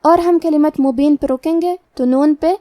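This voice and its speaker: High-voiced woman teaching Quran recitation. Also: fairly even intonation, warm tone, dry recording. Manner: explains letter by letter, then recites slowly and drawn out. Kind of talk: tajweed lesson with slow recitation.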